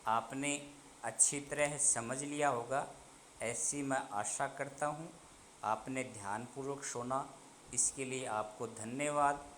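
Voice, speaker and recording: A male teacher speaks slowly and deliberately, asking a question and then giving the answer himself. His voice is bright and forceful. A faint hiss sits under the recording. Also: mid-range voice, fairly even intonation. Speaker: Sanskrit teacher. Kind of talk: online class lesson.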